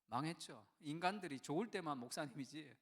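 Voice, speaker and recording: A middle-aged man preaching a sermon in a church, telling stories and acting out the voices he quotes, swinging between hushed and loud. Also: fairly high pitch, expressive, a little fast, long reverb tail. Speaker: pastor. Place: church sanctuary.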